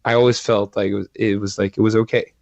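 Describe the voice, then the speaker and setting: A middle-aged man from Sweden, a guest entrepreneur talking in a casual interview, halting and restarting often with many fillers. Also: fairly low pitch, level tone, gravelly, darkish tone, no echo.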